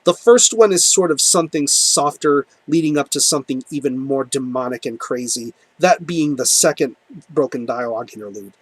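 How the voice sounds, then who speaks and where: A man's voice: mid-range voice, moderate pace, breathy edge, no echo. A man reviewing an album in a casual, enthusiastic monologue, full of ums and repeated words. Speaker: music reviewer.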